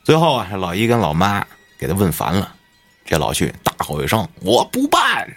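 A man's voice: sing-song, fairly quick, faint music behind. A man, a podcast host telling a ghost story in colloquial, swear-laden style. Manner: colloquial storyteller, swears often, dramatic swings in pitch.

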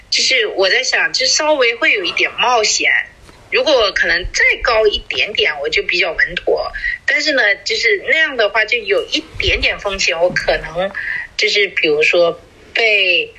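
A woman's voice: mid-range voice, bright, forceful tone, slightly rough, poor audio. A woman in her forties chatting casually as a podcast co-host, rambling with many fillers and restarts. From small city in China. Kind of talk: casual chat.

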